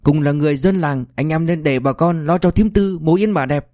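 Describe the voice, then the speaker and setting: A man's voice: fairly high pitch, lively intonation, a little fast, warm tone, no room sound, studio quality, voice pushed up, natural voice. A man voicing a bold village woman who speaks up against the militia in a story reading. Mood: pleading firmly.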